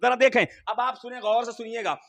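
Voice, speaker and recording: A man's voice: extremely high pitch, steady tone, fairly quick, fairly bright tone, in a large hall. A male Islamic preacher giving an emphatic storytelling sermon, calling on the audience to respond again and again. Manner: emphatic, repetitive, urges crowd to respond. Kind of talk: Urdu religious sermon with storytelling.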